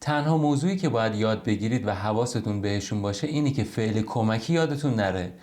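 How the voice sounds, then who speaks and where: A man's voice: lowish voice, animated, darkish tone. Patient male language teacher. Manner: patient step-by-step explaining. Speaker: English teacher. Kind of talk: recorded online language lesson.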